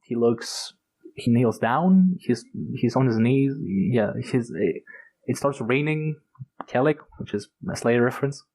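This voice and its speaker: A man's voice: medium pitch, expressive, unhurried, darkish tone, a little hiss or hum, low-quality recording. A man co-hosting a podcast, retelling book scenes in a casual, rambling and enthusiastic way, with lots of fillers and the odd swear word. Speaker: podcast co-host.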